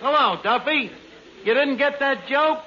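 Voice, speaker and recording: A man's voice: extremely high pitch, measured pace. A man playing a brash, wisecracking announcer in an old radio broadcast comedy, with slangy, ungrammatical talk. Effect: old radio broadcast recording. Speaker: show announcer. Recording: muffled old radio with loud hiss and audience.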